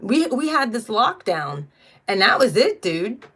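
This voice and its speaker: A woman's voice: fairly high pitch, very animated, unhurried, a bit bright, slightly rough. A middle-aged woman doing a casual spiritual card reading, chatty and blunt, who swears freely when she gets riled. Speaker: tarot card reader.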